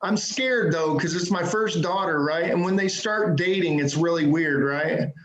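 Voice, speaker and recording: A man's voice: a little high, a little slow. Joking man on an echoey call. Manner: self-deprecating, punchy joke delivery with frequent "right?". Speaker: stand-up comedian. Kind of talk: stand-up set on a video call. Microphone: computer mic on a video call. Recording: echoey room on a video call.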